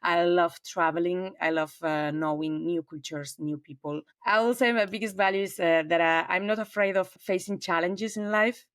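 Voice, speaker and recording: A woman's voice: lowish voice, moderate pace, hardly any pauses, no room sound, studio quality. A woman in her forties from southern Spain with a Spanish accent, a talkative podcast guest chatting over a remote call. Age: 40s. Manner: talkative, warm and expansive, frequent fillers. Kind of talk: conversational interview.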